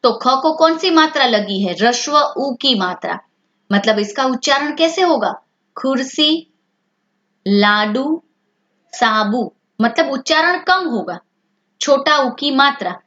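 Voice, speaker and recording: A woman's voice: high-pitched, animated, unhurried, a bit bright. A woman teaching a language lesson to children, asking questions and then answering them herself. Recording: dull lo-fi sound.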